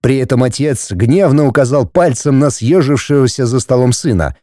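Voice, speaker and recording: A man reading a story aloud as audiobook narrator, in an expressive storytelling manner. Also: mid-range voice, normal speed, dry recording, studio quality.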